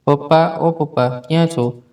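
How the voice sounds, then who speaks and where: A man voicing an angry, defiant young wife in a spoken story, in a sharp tone. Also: fairly high pitch, fairly even intonation, normal speed, close to an everyday voice.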